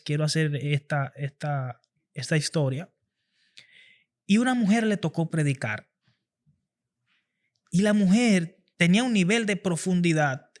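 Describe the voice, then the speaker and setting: A man's voice: high-pitched, expressive, measured pace. A man hosting a podcast, giving an earnest motivational talk on public speaking and repeating phrases for emphasis. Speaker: podcast host.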